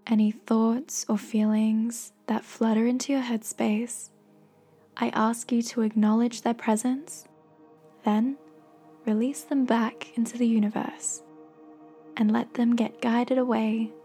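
A woman with a soft, breathy voice gently and slowly guiding a meditation in soothing, encouraging scripted narration. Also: on the high side, little pitch movement, faint music behind. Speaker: guided meditation host.

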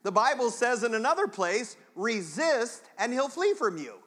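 A man's voice: extremely high pitch, sing-song, normal speed, a bit bright, slightly rough, long reverb tail. A man preaching a sermon as pastor, chatting straight to the congregation in a conversational way.

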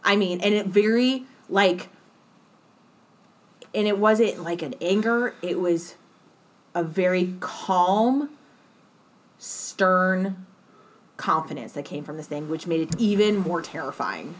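A woman telling a story in casual chat, animated and swearing freely. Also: lowish voice, takes it slowly, long pauses.

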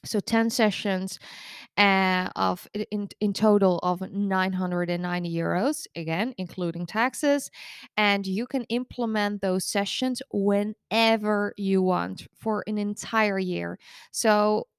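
A woman in her thirties hosts her own solo podcast as an eating disorder recovery coach, chatting candidly and poking fun at herself while stuffed up with the flu. Her mid-range voice is steady, slow, clear and resonant. The recording is dry and studio-clean.

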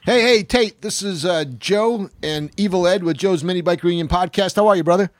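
Older male podcast host in his sixties: loose, rambling storyteller with a slightly raised pitch, close and dry. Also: moderate pace, no echo. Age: 60s. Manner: rambling storyteller, swears freely, acts out quotes. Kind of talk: casual podcast chat.

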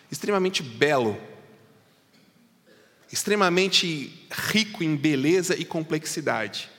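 A man's voice: fairly high pitch, a bit bright, long reverb tail. A man preaching a sermon and explaining a passage, talking in a conversational way straight to his congregation. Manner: conversational, addresses the congregation directly. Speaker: pastor. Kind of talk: expository sermon.

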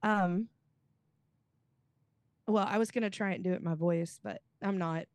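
A woman's voice: lowish voice, measured pace, clear, resonant tone, dry recording, studio quality. A woman in her thirties, a guest in a candid interview, who talks with giggles and some nervous hesitation. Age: 30s. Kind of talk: candid conversation.

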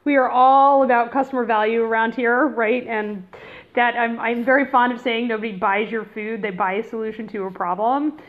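Speaking at normal speed in a steady, somewhat high voice, this podcast host chats informally with her listeners on a casual educational show. The recording comes from a room in a rental house through a headphone mic, so it sounds thin and phone-like.

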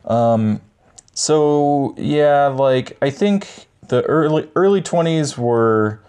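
A man in his thirties co-hosting a podcast, chatting casually in a laid-back, rambling way with many pauses. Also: on the high side, a little mellow, clear, resonant tone. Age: 30s. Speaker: podcast co-host. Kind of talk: casual chat.

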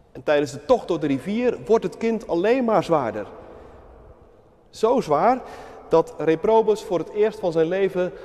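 A male preacher retells a legend in a measured storytelling sermon. His voice is high for a man, and a long reverb fills the church around him. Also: a little mellow.

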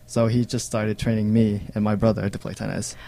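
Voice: mid-range voice, little pitch movement, fairly quick, vocal fry, dark tone. A radio guest from Vietnam and Thailand, telling stories hesitantly with many fillers. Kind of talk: casual radio chat.

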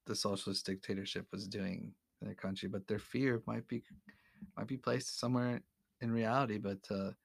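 A man's voice: fairly low pitch, fairly even intonation, normal speed, creaky, husky, dry recording, clean studio sound. A man who is a podcast guest, talking casually and candidly with lots of fillers and restarts. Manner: hesitant, many fillers and restarts; candid, opinionated. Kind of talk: casual interview conversation.

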